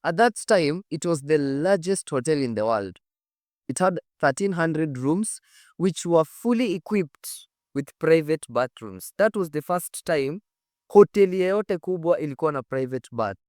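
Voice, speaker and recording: A man with a Kenyan accent, acting as host and storyteller, talks animatedly to camera on a studio set, emphatic and conversational, with repeated phrases and rhetorical questions. His fairly high voice is expressive and darkish, moving at a measured pace, in a dry, clean studio recording.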